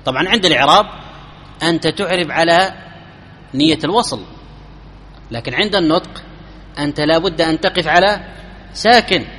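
A man giving a classical Arabic grammar lesson, explaining step by step, asking his students questions and drawing out each example phrase slowly. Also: a little high, lively intonation, bright, forceful tone, long reverb tail. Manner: slows down and drawls out example phrases.

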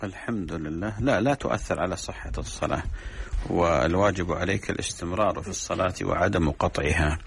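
A man, a sheikh, explaining religious rulings in a measured, teaching way on a radio program. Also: low-pitched, creaky, a bit bright, slight background noise. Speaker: sheikh answering religious questions.

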